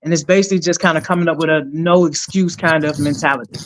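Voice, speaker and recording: A middle-aged woman, a retired army sergeant, telling her story in an energetic, emphatic way as a podcast guest. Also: sits low, fast. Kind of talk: conversational interview storytelling.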